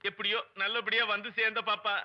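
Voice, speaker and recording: A man's voice: high-pitched, level tone, fast talker, muffled recording, a little hiss or hum, natural voice. A man as a doting old house servant. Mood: fond.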